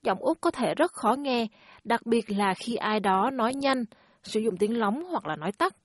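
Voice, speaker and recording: A woman leads a language lesson in a friendly, encouraging teacher's voice. Her tone sits a little high and slightly husky. The recording is close and dry, with no room sound. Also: expressive, normal speed, no room sound. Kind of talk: scripted lesson narration.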